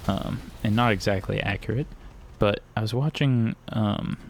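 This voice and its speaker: A man's voice: lowish voice, normal speed, slight background noise. A young man giving casual, rambling commentary while playing a video game, cracking crude jokes as he goes. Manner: rambling, joking, crude humor. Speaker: gaming streamer.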